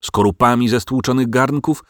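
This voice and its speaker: A man narrates an audiobook with expressive storytelling, using a mid-range voice at a moderate pace. The studio sound is clean, with no echo.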